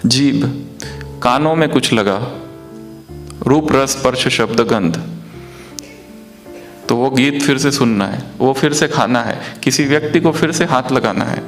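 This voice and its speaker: A man leads a spiritual meditation lesson at a middle pitch, slow and repetitive, as if chanting key phrases. He keeps asking his listeners questions. Soft music plays faintly behind him. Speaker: meditation teacher.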